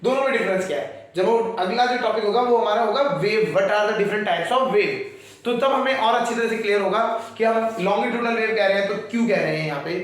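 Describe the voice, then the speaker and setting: A man teaching a science class, explaining patiently and often checking whether his students follow, with terms. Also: sits high. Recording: very echoey room.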